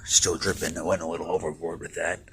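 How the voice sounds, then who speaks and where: A man's voice: sits low, level tone, brisk, fairly bright tone, slight background noise. A man in his twenties casually rambling with mumbled asides and offhand swearing while he works outside in a backyard. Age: 20s. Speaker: vlogger. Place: outdoors in a backyard under a roof.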